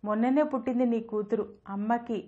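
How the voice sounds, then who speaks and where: Audio storybook: a fussing, fond middle-aged mother, read by a woman narrator, higher voice, dull lo-fi sound. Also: steady tone, fairly quick, dark tone, lightly acted. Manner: affectionate and teasing.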